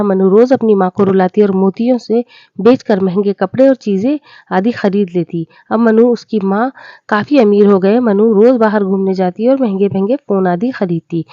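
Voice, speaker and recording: A woman narrating a moral story in a steady, plain storytelling way. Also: medium pitch, no room sound, dull audio.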